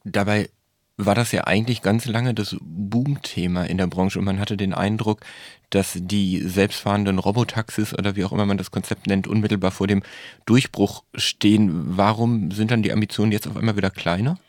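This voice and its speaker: A man's voice: on the low side, steady tone, moderate pace, a little mellow, no room sound, studio quality. A man co-hosting a talk podcast, explaining his views at length in a thoughtful way. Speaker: podcast co-host. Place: studio.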